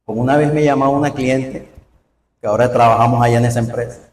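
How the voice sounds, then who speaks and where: A man preaches in a church, lively and pointed, throwing rhetorical questions at the congregation. His voice sits at a middle pitch and comes from some distance off the mic. The hall around him rings with echo. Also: fast. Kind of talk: sermon. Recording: roomy hall, voice from far off.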